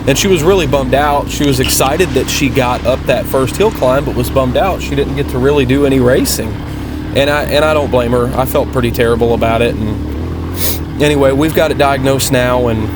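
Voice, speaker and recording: A man giving a casual, conversational vlog voice-over as an amateur dirt bike racer, plain-spoken and rambling. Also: medium pitch. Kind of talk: casual vlog voice-over commentary on race footage.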